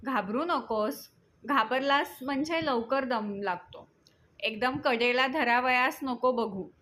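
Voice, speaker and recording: A woman's voice: high-pitched, takes it slowly, fairly bright tone. A woman voicing a patient young man who encourages a boy to swim. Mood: reassuring. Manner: patient, reassuring.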